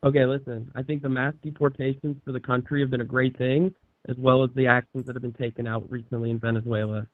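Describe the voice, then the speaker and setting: A man in his twenties, calling in to debate, speaking in a measured, argumentative way over a phone call with poor reception that keeps breaking up. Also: mid-range voice, little pitch movement, no room sound. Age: 20s. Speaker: caller. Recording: tinny phone line breaking up.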